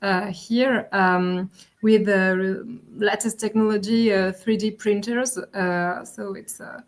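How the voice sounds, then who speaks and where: A school staff woman presenting the facilities in a halting way, with constant fillers. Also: mid-range voice, fairly even intonation.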